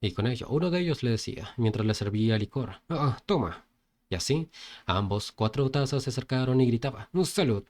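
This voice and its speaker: A man narrating a comic story in a relaxed, informal way, with small slips and spoken sound effects. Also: medium pitch, fast.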